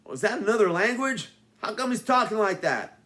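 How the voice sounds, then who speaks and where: A man doing loud, jeering high school goons. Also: big pitch swings, moderate pace, heavily acted. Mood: rowdy. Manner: mocking, rowdy. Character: loud, dim high school bully boys.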